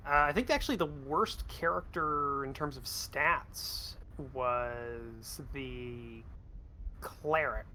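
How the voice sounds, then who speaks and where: A man's voice: mid-range voice, slow pace, bright, forceful tone, slight background noise. A man as game master in a voice call, explaining things in a rambling, self-correcting way. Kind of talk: casual game chat. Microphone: voice call microphone.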